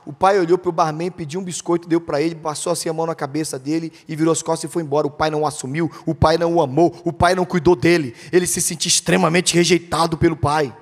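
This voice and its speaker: A man's voice: fairly high pitch, fairly even intonation, fast talker, hardly any pauses. A Brazilian man preaching an impassioned, emphatic sermon as pastor, speaking directly to his congregation. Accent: Brazilian Portuguese. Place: church sanctuary. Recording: long church hall reverb.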